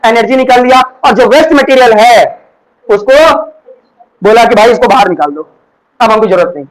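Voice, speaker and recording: A man's voice: extremely high pitch, fairly quick, poor audio. A man giving a classroom lecture. He explains step by step, poses questions and answers them himself, and keeps checking that students follow. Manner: keeps checking understanding with "ठीक है? है ना?"; repeats key words for emphasis. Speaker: teacher.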